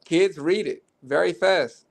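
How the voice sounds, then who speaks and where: A young man with a Baltimore accent talks casually, circling back and restarting his thoughts as he tells a story. His voice sits a little high and carries a gravelly rasp. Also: slow. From Baltimore, Maryland. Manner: relaxed, rambling with restarts. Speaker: guest.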